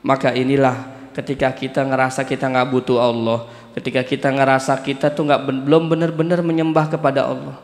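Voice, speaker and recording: A man preaching a casual, joking mosque sermon in colloquial Jakarta-style slang, with lively acted asides. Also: medium pitch, brisk, roomy sound, big-room sound. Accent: Jakarta colloquial Indonesian. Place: mosque hall.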